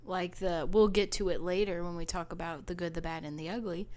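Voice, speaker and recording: A woman's voice: lowish voice, fairly even intonation, brisk, a little mellow. A woman co-hosting a casual film podcast, easygoing and thinking aloud, often giggling. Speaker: podcast co-host.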